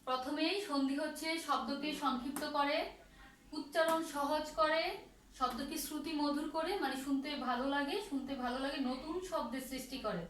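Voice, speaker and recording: High-voiced teacher woman, slow and repetitive. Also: fairly even intonation, a bit bright, a little hiss or hum. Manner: slow, repetitive, asks and answers her own questions. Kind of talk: online grammar lesson. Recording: roomy echo from far off, faint ambience.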